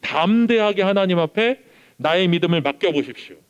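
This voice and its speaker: A young man preaching a youth service sermon, with a voice that sits a little high and leaps up and down as he tells his story. He acts out the people in it with animated energy. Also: a little fast, smooth, highs cut off. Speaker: pastor.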